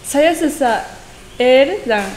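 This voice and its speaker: A teenage exchange student from Japan with a Japanese accent, a young woman speaking Indonesian as a foreigner in halting, simple phrases as she answers interview questions. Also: sits high, lively intonation, a little mellow. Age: teens. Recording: echoey reverberant room with background noise.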